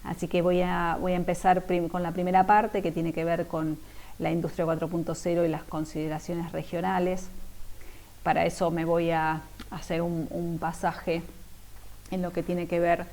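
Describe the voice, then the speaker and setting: A woman's voice: lowish voice, level tone, normal speed, darkish tone, poor audio. An Argentine woman, an industrial designer, giving a conference keynote talk with many fillers and restarts. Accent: Argentine Spanish.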